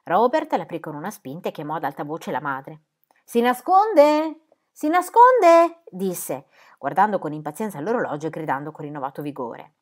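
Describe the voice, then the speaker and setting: Woman narrator, audiobook, calm measured reading, lowish voice. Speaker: audiobook reader.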